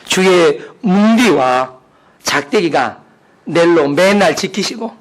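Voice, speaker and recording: A man reading a psalm slowly and playfully in a Gyeongsang dialect accent. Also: a little high, lively intonation. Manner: slow, drawn-out, joking recitation.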